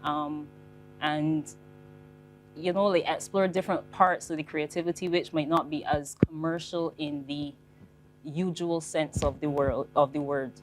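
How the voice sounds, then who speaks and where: A young woman, a fashion designer speaking on a panel in a measured, reflective way. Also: low voice, steady tone, a little hiss or hum. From Barbados. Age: young adult. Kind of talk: panel talk.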